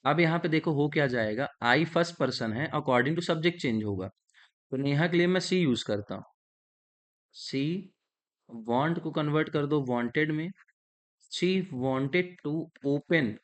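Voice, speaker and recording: A man with an Indian accent teaching an English grammar lesson in Hindi, slowly dictating sentences and explaining each step. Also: fairly high pitch.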